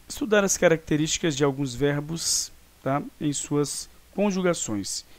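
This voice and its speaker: A Brazilian man teaching a grammar lesson online, explaining patiently and often checking in with his students. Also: fairly high pitch. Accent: Brazilian Portuguese.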